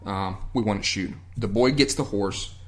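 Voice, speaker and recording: A man's voice: fairly low pitch, moderate pace. Dude rambling thru a tv recap on his podcast, swears a lot, lots of ums. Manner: loose and profane, many fillers. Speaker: podcast host. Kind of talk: casual chat, recapping a TV episode.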